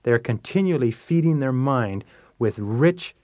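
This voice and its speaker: A man's voice: mid-range voice, expressive, measured pace, a little mellow, dry recording, studio quality. A man giving a self-help lecture, coaching listeners in an emphatic, repetitive way. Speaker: motivational speaker.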